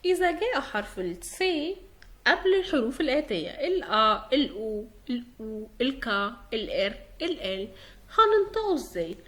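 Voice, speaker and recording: Lively high-voiced Egyptian woman teacher. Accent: Egyptian Arabic. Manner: patient, repeats each example word slowly. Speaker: German pronunciation teacher. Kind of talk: explanatory lesson in Egyptian Arabic.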